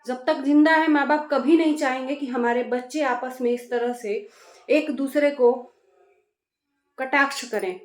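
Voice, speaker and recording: Woman, high-pitched, reverberant room, scolding, repetitive emphasis. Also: measured pace. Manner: scolding, exasperated, repeats phrases for emphasis. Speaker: YouTube reaction vlogger. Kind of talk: lecturing reaction monologue.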